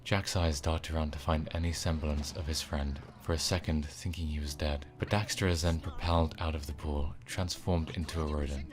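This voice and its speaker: A man with a very deep, low-pitched voice delivers scripted narration as a game reviewer. His wording is casual and wry, while the read stays that of a prepared retrospective. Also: fairly even intonation, moderate pace, few pauses. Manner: informal, wry, sweary.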